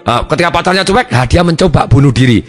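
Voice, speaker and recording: A man leading a self-development lesson, animated and lively, acting out his examples as he goes. His voice sits a bit high and swings widely. Faint music plays behind him. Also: quick pace. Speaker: motivational trainer.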